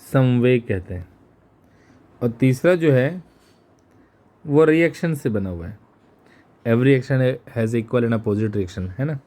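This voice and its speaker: Here a man teaches physics for exam preparation, mixing English terminology into his Hindi and taking his time with explanations. He often asks a question only to supply the answer himself, and his medium-pitched voice has a warm quality.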